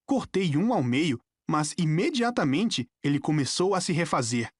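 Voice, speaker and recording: Woman narrator with a Brazilian accent, deep and very lively, dramatic audiobook reading. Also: moderate pace, slightly rough, no room sound, clean studio sound. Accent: Brazilian Portuguese. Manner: dramatic, expressive storytelling. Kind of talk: scripted narration.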